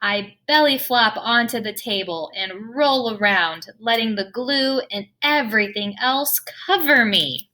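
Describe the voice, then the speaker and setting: Bright, animated woman reading a picture book. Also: a little high, measured pace, hardly any pauses. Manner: expressive, playful sound words. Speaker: storybook reader. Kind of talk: children's picture book read-aloud.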